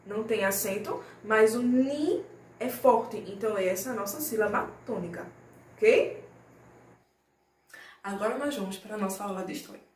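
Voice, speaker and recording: A woman primary school teacher gives a recorded lesson. She speaks patiently, stretches example words out slowly and keeps checking that the children follow. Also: mid-range voice, recorded from a distance. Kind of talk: recorded remote class lesson. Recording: roomy, from the mic, faint noise.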